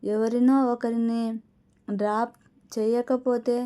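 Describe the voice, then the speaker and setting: Sneering young woman, read by a woman narrator, mocking, insulting, slow, mellow. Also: a little high, flat delivery.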